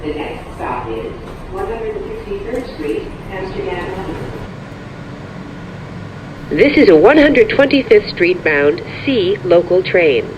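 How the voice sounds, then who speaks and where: Measured train announcer over the intercom. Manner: even, measured announcer delivery. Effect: over a train intercom speaker. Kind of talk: prerecorded transit announcements. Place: inside a subway car. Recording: muffled lo-fi train speaker, rumble behind.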